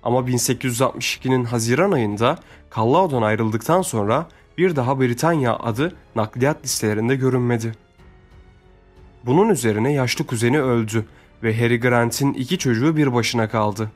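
A man narrating an adventure audiobook in a steady, measured storytelling voice. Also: medium pitch, faint music behind.

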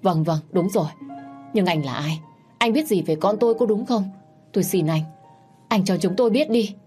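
A woman's voice: medium pitch, normal speed, dark tone, soft background music, pitched above the performer's own voice, natural voice. Anxious young father, read by a woman. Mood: pleading. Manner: urgent, pleading.

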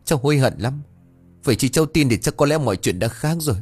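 A man voicing a remorseful young man who speaks low, flat and bitter. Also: fast, breathy edge, faint music behind.

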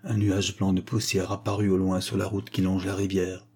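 A man reading a short story aloud as narrator, in a measured storytelling manner. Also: low voice, completely flat delivery, darkish tone, husky. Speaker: audiobook narrator. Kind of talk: scripted narration.

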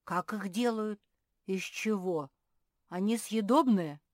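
A woman's voice: mid-range voice, slow pace, darkish tone, no echo, clean studio sound, pitched above the performer's own voice, close to an everyday voice. A woman voicing a naive, innocent little bear cub in a storybook reading, with a puzzled, eager manner.

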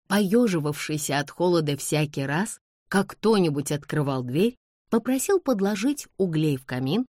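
Woman reading a classic novel, low-ish voice, lots of rise and fall, dry close sound. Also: no room sound. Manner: expressive, measured storytelling. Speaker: audiobook narrator. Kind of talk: first-person audiobook narration.

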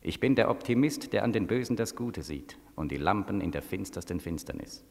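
Cast a low-voiced, insistent inner voice, with reverb, in 1940s radio drama style. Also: male voice, brisk, creaky. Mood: insistent calm. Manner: calm, insistent, incantatory.

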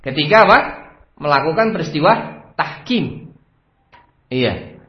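A man delivers a religious lecture with a very animated, somewhat high voice. He jumps between emphatic bursts and murmured asides, with a blessing phrase as a recurring filler. The recording is echoey and dull, with a lo-fi sound. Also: a little slow. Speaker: preacher.

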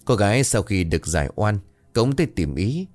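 Deep, lively male horror storyteller, faint music underneath. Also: fairly quick. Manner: dramatic, expressive. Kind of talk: ghost story narration.

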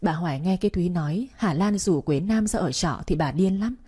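A woman narrating a family story in a steady, even reading. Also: lowish voice, moderate pace, husky.

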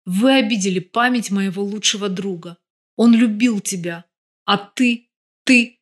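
Bitter, blunt man on the phone who snaps, voiced by a woman narrator, mid-pitched, for an audiobook. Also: measured pace, lightly acted. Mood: angry. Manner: angry outbursts, then quiet apology. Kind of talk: audiobook reading.

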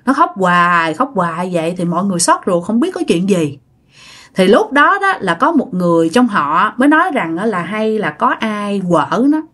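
A woman's voice: medium pitch, big pitch swings, moderate pace, a bit bright. Chatty woman storyteller. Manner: chatty, addresses listeners directly. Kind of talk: casual ghost-story narration.

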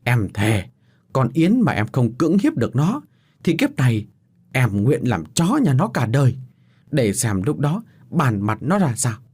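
A vengeful young male servant from a spoken story, hot-headed and vehement, as a male narrator puts him on. His voice is husky, and its pitch moves a lot. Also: very animated, unhurried, darkish tone.

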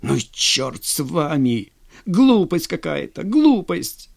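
A man's voice: a little high, big pitch swings, slow, vocal fry, exaggerated voice. A man reading a story, voicing a hurt young man who mutters in exasperation. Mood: exasperated. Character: hurt sulky young man, jilted brother.

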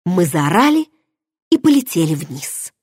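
A woman narrating a first-person audiobook in an expressive, dramatic way, recorded close to the mic. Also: on the low side, unhurried, breathy edge, dry recording.

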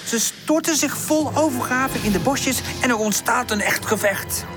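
A woman narrating a children's audiobook in an expressive storytelling manner. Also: a little high, moderate pace, music in the background.

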